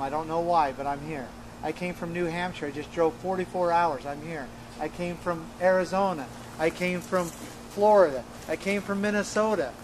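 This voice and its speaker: A man with a slightly high voice tells his story in a conversation, earnest and emphatic. He often repeats and restarts his words as he goes. There is a faint hiss of background noise in the recording. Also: rough recording. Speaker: interviewee recounting events.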